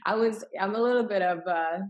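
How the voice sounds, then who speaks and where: This interview guest, a property investor, has a medium-pitched voice and a brisk delivery, with the high frequencies cut off in the recording. She was born in Finland, grew up in Sweden, and speaks English as her third language. Her manner is informal as she explains things casually and performs quoted dialogue.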